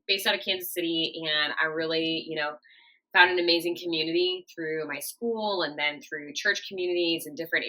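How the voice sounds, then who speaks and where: A woman's voice: low-pitched, pushed and bright, rough recording. A woman in her thirties, raised in Japan, chatting as a podcast guest with many fillers and a storytelling flow. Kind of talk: casual interview talk.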